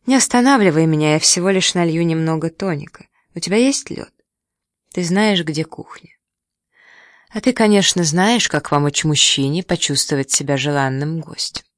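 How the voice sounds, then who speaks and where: A man's voice: a little high, animated, moderate pace, no echo, studio quality, close to an everyday voice. A reader voicing a moody, self-pitying young man who grumbles and sulks, in a storybook reading. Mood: sulky. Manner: sulky, brooding.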